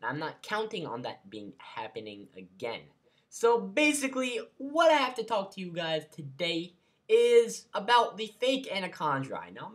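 A man hosting his own fan video channel, talking casually and rambling with lots of fillers and restarts. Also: high voice. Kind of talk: casual fan vlog talk.

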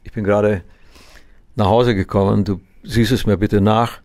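A man's voice: on the low side, fairly even intonation, normal speed, darkish tone, dry recording, lightly acted. A man voicing a tired, grumpy male bar owner in a spoken joke, scolding in an exasperated way. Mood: fed up.

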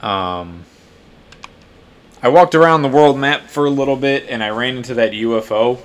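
A man's voice: mid-range voice, normal speed. A man casually commenting on a video game as he plays, loose, chatty and swearing often. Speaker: gaming video host. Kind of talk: casual let's-play commentary.

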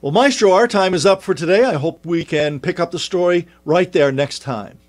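A man's voice: sits high, moderate pace. Polished male show host. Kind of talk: radio-style hosted discussion.

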